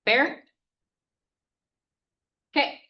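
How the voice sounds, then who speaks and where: A woman's voice: drawn-out words, far from the mic. A woman hosting a casual office team meeting, talking loosely with fillers. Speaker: meeting host. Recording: dull muffled meeting room audio.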